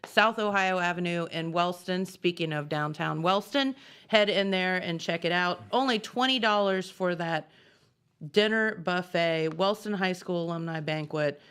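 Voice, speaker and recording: A woman's voice: fairly low pitch, unhurried, a bit bright, clear, resonant tone. A woman co-hosting a local morning TV show, chatting casually and reading community announcements in a studio.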